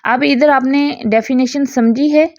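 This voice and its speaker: Patient higher-voiced teacher woman, dry lo-fi. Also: steady tone, a little mellow, dry recording. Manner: explains patiently, repeats checks, recites examples slowly. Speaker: Quran recitation teacher. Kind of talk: online tajweed lesson. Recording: dry, slightly dull lo-fi recording.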